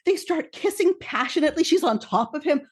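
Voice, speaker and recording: A woman guest chatting casually on a podcast, animated and emotional, acting out characters' lines and her own reactions as she recaps. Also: high-pitched, fairly quick. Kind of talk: casual chat recapping a show.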